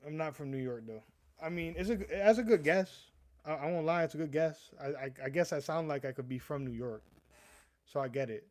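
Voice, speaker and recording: With a fairly high, slightly mellow voice and a brisk pace, a young East Coast man chats casually as a livestream host. He wanders from point to point, stammering and restarting repeatedly, and keeps saying "bro" to his viewers.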